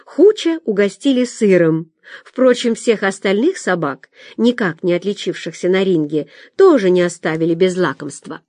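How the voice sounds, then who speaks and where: A woman narrates a first-person audiobook in a lively, expressive reading voice. Her pitch sits in an ordinary middle range. She is recorded on a close studio mic with a dry sound and no room around it. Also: no room sound.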